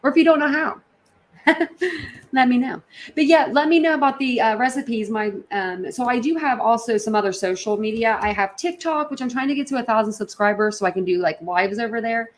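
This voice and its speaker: Slight background noise accompanies a woman livestreaming from her apartment in a fairly high, fairly quick voice. She chats casually with viewers, rambling and using plenty of slang.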